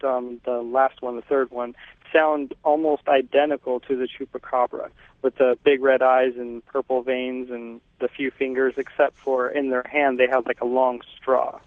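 A man phones in to a radio show. His hesitant voice, full of ums and uhs, comes through a thin, tinny phone line. It sounds dry, with no room around it, and sits at an ordinary pitch. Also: flat delivery, normal speed, no echo.

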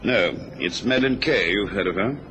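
A blustering, pompous lordship, wildly animated. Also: male voice, on the low side, normal speed. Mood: stiff, defensive. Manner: blustering, indignant, haughty. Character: irascible, pompous upper-class gentleman, a lordship. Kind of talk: old radio drama acting. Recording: noisy old radio drama recording.

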